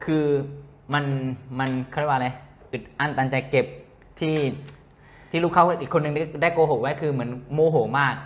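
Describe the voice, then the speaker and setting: A man interpreting a sermon live, reading scripture and relaying the preacher with hesitant pauses and filler sounds. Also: fairly high pitch, fairly even intonation. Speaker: church interpreter.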